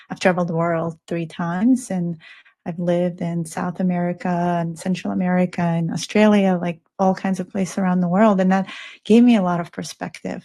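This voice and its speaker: Middle-aged woman from the soviet union, grew up in israel, talks earnest and reflective, lowish voice. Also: dark tone. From Soviet Union, raised in Israel. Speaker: guest, spiritual teacher. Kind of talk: casual interview talk.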